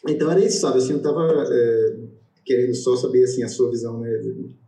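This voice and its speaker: A man's voice: mid-range voice, fast talker, mellow. A man hosting an online panel, rambling casually with restarts and hesitations. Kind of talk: casual online video call discussion. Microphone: video call. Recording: echoey room on video call.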